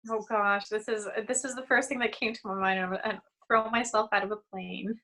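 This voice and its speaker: A woman being interviewed as a guest, telling lively stories and laughing often over a video call. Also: medium pitch, fairly quick, rough recording. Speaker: guest, singer and actress. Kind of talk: casual conversational interview.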